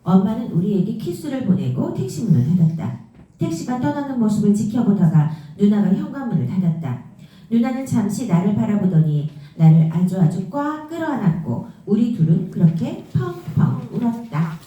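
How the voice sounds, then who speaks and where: A woman reading a novel aloud with a steady storytelling delivery. Her voice is dark and mellow, and the very roomy echo and distant mic make it sound like a large hall. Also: mid-range voice, moderate pace. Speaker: book reader.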